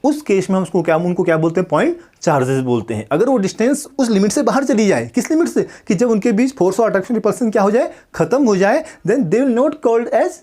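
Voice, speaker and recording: A man's voice: high-pitched, dark tone. A male physics teacher giving a Hindi-English lecture, asking himself questions and answering them, checking in with the students again and again. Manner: repeats check-ins like "ठीक है" and "समझ में आया"; slows down sharply for English sentences.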